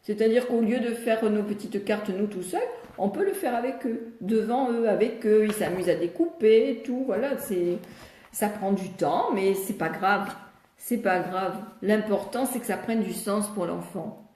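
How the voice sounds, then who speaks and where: A woman's voice: mid-range voice, a little slow, dark tone, a little hiss or hum. An older woman, a speech therapist, answering viewers' questions in a live video with a patient, step-by-step teaching manner. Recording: echoey room.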